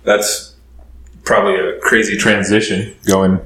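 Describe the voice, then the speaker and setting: A man from Idaho hosts a casual podcast, asking questions in an easygoing way. His voice runs somewhat low. The room around him is echoey, with faint noise under it. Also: little pitch movement, a little slow, bright, forceful tone. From Idaho, USA. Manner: easygoing, laughs often. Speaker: podcast host. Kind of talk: casual interview.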